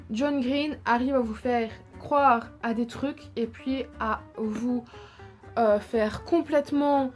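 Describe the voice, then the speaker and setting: A woman's voice: on the high side, darkish tone. A young woman YouTuber casually chatting about her favorite books and films, enthusiastic and rambling, with many fillers.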